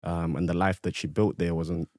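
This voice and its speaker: Deep-voiced young man from Ethiopia. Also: normal speed, no echo, clean studio sound. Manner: relaxed, easygoing storytelling. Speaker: podcast guest. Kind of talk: casual chat.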